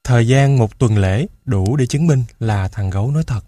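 Brief: male audiobook narrator, mid pitch, measured first-person reading, dry close-mic sound. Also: warm tone, dry recording.

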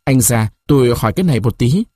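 A man's voice: medium pitch, lively intonation, fast, mellow, slightly rough, no echo, clean studio sound. A man voicing a timid young village girl who pleads tearfully with her lover. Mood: reproachful.

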